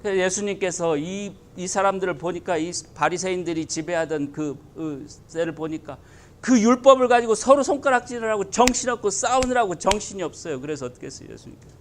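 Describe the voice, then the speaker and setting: A man's voice: sits high, lively intonation, a little fast, slight background noise. A male pastor preaching a sermon, talking emphatically and asking the congregation many rhetorical questions.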